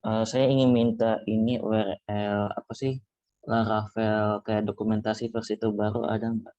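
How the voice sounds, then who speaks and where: A man asking halting questions in an online class, his voice breaking up over a bad call connection. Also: on the low side, little pitch movement, mellow, no room sound, muffled recording. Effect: breaking-up video call audio.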